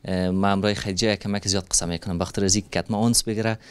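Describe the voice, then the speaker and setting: Gentle coaxing man. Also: on the low side, fairly even intonation, clean tone, no echo. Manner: gentle, coaxing, soothing, full of endearments. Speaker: charity vlogger interviewing working street children. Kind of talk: street interview. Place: street outdoors.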